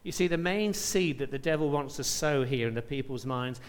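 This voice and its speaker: A man's voice: medium pitch, animated, moderate pace, smooth, in a large hall. A man preaching a sermon, reading scripture aloud with rising emphasis and asking rhetorical questions.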